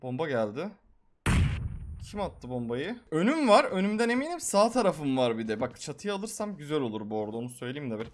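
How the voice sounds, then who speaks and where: A man giving live, excitable gameplay commentary as a gaming YouTuber, swearing and talking to his viewers. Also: on the high side, a little fast, slight background noise.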